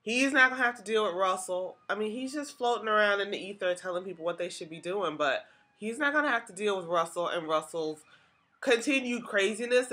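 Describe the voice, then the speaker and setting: A woman's voice: mid-range voice, bright, forceful tone. A woman hosting a podcast, talking through a TV episode in a chatty, casual way with lots of "like" and restarts. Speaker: podcast host.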